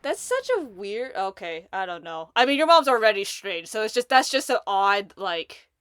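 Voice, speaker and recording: A woman's voice: mid-range voice, very animated, moderate pace, fairly bright tone, clean tone, no echo. A woman hosting a podcast in casual chat, sympathetic and loosely conversational as she responds. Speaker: podcast host.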